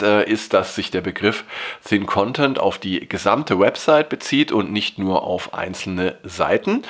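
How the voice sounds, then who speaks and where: A man hosting a weekly news podcast, explaining topics with many pauses and fillers. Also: fairly low pitch, fairly bright tone. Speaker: podcast host.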